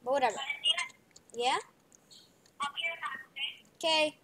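A woman's voice: high-pitched, takes it slowly, fairly bright tone. A woman giving playful, rambling commentary while playing a video game, often dropping into whispers, over a noisy home recording. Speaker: gaming video creator. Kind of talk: casual gameplay commentary.

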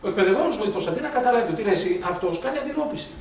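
A man giving a lively medical lecture, telling anecdotes, acting out dialogue and asking rhetorical questions. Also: high-pitched. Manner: animated storytelling, acts out dialogue, rhetorical questions. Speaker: doctor lecturing on blood gases. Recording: echoey hall from far off, faint noise.

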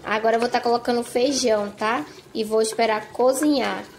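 Speaking fairly quickly in a slightly high, darkish voice, a woman talks through a homemade recipe from her kitchen with slight background noise. She's chatty, keeps checking in with viewers, and tags lines with "tá?" and "gente."

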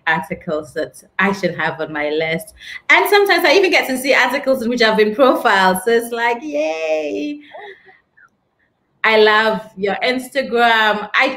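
A woman's voice: mid-range voice, fairly bright tone. A woman hosting a casual video-call interview, speaking in an effusive, praising way. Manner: effusive, praising, laughs often. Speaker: interview host. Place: indoor office with a frosted glass wall.

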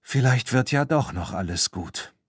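A man's voice: medium pitch, animated, a little slow, husky, no room sound, clean studio sound. A man voicing a spirited, outspoken young girl in an audiobook, in a snappy, raised voice. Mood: wistful. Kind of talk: audiobook character voice.

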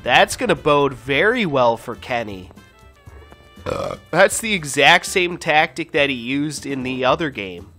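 A man's voice: medium pitch, expressive, unhurried, bright, forceful tone, faint music behind. Stuffed-up man doing casual game commentary. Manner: casual, swears often. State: stuffed up, sore throat. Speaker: gaming channel host.

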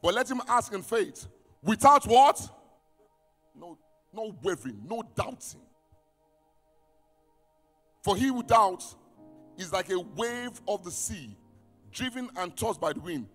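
Dramatic preacher in a reverberant church. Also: male voice, sits high, expressive, a little slow, long pauses. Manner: dramatic, swings between shouting and near-whispers; reads scripture aloud and quizzes the congregation. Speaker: pastor. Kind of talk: preaching a sermon. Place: church hall. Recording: reverberant church hall with music.

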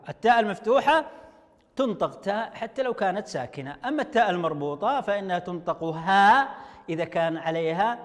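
A male teacher giving an online language lesson to young children, slowly sounding out words syllable by syllable. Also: sits high, long reverb tail. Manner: slow, drawn-out syllable-by-syllable explaining. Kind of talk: online Arabic lesson for first graders.

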